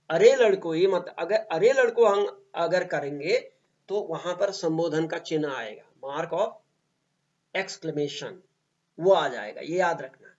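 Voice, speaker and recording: A man explains grammar at a very slow, careful pace, drawing out each English example and going over each point twice. His voice sits a little high for a man. The recording is dull and lo-fi. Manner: slow, deliberate, reads English examples very slowly and repeats points.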